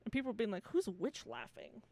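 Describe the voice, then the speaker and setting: A woman's voice: on the high side, a little fast, no room sound. A woman hosting a podcast, chatting casually, telling stories with lots of laughter and swearing. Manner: laughs often, swears freely, animated storytelling. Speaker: podcast host. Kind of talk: casual chat.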